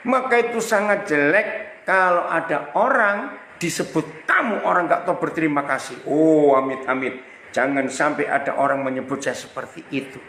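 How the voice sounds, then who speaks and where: A man from Indonesia preaching a storytelling sermon as pastor, acting out the dialogue of his stories in an animated way. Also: high-pitched, slight background noise. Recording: echoey hall with faint ambience.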